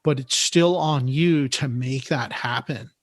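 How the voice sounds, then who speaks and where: A man, a podcast guest, explaining investing in a measured interview conversation, often repeating words as he thinks. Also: medium pitch, no room sound, clean studio sound.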